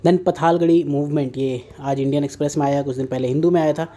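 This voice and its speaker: A man's voice: on the high side, fairly even intonation, quick pace, mellow. A young man teaching a casual exam prep lesson, mixing Hindi and English with joking asides. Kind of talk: casual current affairs lesson.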